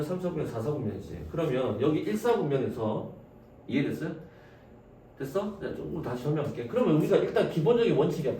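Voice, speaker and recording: A man gives a high school math lecture in a classroom, his fairly high voice rising and falling a lot. He keeps asking his students questions and answering them himself in a casual way. He sounds distant in an echoey room, with faint noise behind him. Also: a little mellow.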